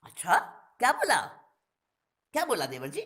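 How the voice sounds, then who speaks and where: A woman's voice: medium pitch, huge pitch swings, moderate pace, fairly bright tone. A woman voicing a loving, motherly sister-in-law with a fond, coaxing manner.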